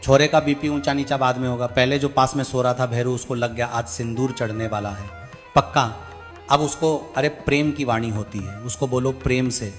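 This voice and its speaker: A man telling a devotional story as a sermon, swinging between loud exclaiming and soft speech and repeating phrases for emphasis. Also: mid-range voice. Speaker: religious storyteller preacher. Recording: reverberant hall with faint music.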